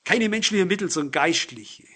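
A man's voice: high-pitched, animated, normal speed, bright, forceful tone, slightly rough. A man preaching a sermon, earnest and emphatic, speaking straight to his listeners.

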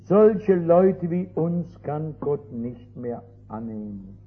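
Preacher voicing a despairing young soldier. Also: male voice, a little high, lively intonation, takes it slowly, narrow, tinny audio, a little hiss or hum, voice pushed down. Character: despairing young male scientist, guilt-ridden war veteran.

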